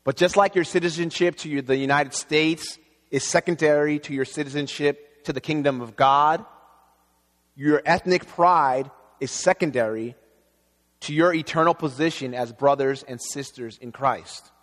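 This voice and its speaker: A man born in Haiti, preaching an earnest, measured sermon as pastor. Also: on the high side, fairly bright tone. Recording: long reverb in a hall.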